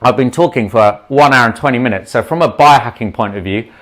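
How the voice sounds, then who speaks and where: Talking off the cuff on a livestream, a male doctor addresses his viewers a little fast, his ordinary mid-pitched voice touched by a slight sore throat and a sniffle. His tone is passionate and outspoken, and he often drifts into tangents.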